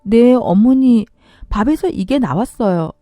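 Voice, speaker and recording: A woman's voice: on the high side, lively intonation, dry recording, studio quality, faint music behind. Woman doing a meek pleading daughter-in-law. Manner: soft, slow and pleading.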